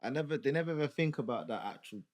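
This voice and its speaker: A man's voice: medium pitch, animated, racing, a little hiss or hum. A man with a multicultural London accent explaining his views in casual podcast chat, tagging phrases with yeah and innit. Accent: London, multicultural London English. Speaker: music artist in podcast discussion.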